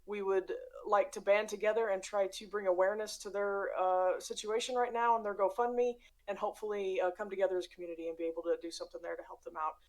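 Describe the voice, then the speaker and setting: A woman's voice: mid-range voice, flat delivery, quick pace, few pauses, darkish tone, poor audio. A woman player casually giving channel announcements on a tabletop gaming show.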